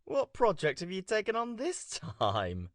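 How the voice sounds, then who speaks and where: A man's voice: sits high, huge pitch swings, measured pace, no echo, clean studio sound, full character voice. A man playing an easygoing, flirtatious male friend in a story game, teasing and casual. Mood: flirty, eager. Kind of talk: scripted game story dialogue.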